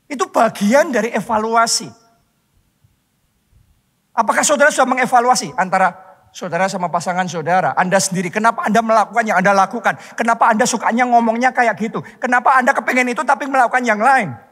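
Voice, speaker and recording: A male pastor from Indonesia preaching a sermon, stressing points loudly and then dropping to soft, drawn-out words. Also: very high voice. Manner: emphatic, swings between loud stress and soft drawn-out words. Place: church hall. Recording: long hall reverb.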